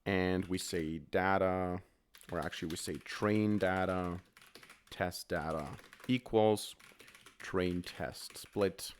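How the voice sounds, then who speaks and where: A man's voice: sits low, steady tone, slow, a little hiss or hum. A man with a cold, his voice a bit off, explaining step by step as he types code in a programming tutorial. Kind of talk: screen-recorded coding tutorial.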